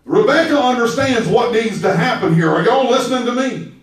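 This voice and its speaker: A man's voice: very high voice, animated, brisk. A man, a pastor preaching an emphatic storytelling sermon with call-and-response. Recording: very echoey hall, mic far off.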